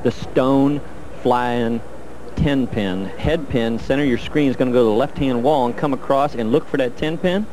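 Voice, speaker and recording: A man's voice: medium pitch, normal speed, a little mellow, slight background noise, low-quality recording. A man giving color commentary on a televised bowling match, breaking down each shot in a coaching way. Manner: analytical, coaching-style breakdown of shots.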